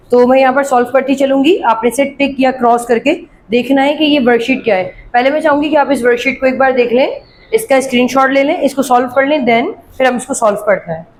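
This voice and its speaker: Working from a worksheet, a woman with a high voice teaches English grammar, reading example sentences slowly and clearly before explaining them at a quick pace. She often poses questions to her students and answers them herself. The recording is rough, with slight background noise.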